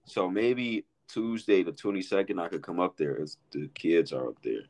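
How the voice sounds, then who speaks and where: A young man hosting a casual podcast, relaxed and slangy as he chats and wraps up. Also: low voice, moderate pace. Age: young adult. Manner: relaxed, slangy, wrapping up the show. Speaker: podcast host. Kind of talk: casual chat.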